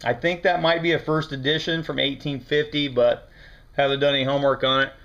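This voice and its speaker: This American reseller speaks briskly in a steady, fairly bright, medium-pitched voice. Talking casually to the camera, he shows off his yard sale haul in a laid-back, folksy, slang-filled style. The camera audio is dull and lo-fi.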